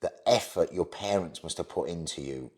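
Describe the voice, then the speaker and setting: A man interviewing a guest, casual and supportive, with gentle questions and reassurance. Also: low-pitched, normal speed, breathy edge.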